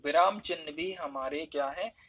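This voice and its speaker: Male teacher, husky and slightly high, patiently explaining and demonstrating examples aloud. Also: moderate pace, a bit bright. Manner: explains step by step, acts out examples with shifting stress. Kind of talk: spoken Hindi lesson.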